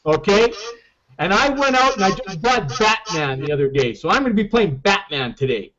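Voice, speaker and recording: A man's voice: high voice, very animated, normal speed, a bit bright. A man leading a casual group call as a marketing team leader, emphatic and repeating "okay?" often, over dull lo-fi call audio.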